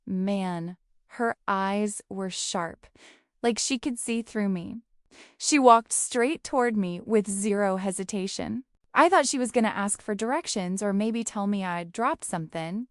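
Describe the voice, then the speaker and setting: A woman's voice: mid-range voice, dry recording, studio quality. A woman narrating a first-person story in a casual, slangy, conversational way.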